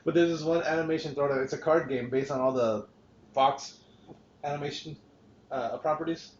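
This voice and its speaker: A man's voice: fairly high pitch, steady tone, normal speed, a little hiss or hum. A man hosting a casual podcast chat, rambling and swearing freely with frequent restarts. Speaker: podcast host. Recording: roomy, dull lo-fi podcast recording.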